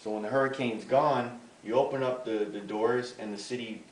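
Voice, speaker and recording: A man's voice: mid-range voice, steady tone, moderate pace, echoey room, a little hiss or hum, rough recording. A man in his thirties from the Bronx, a graffiti artist chatting in a casual interview, rambling with many fillers. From the Bronx, New York. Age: 30s. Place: outdoors.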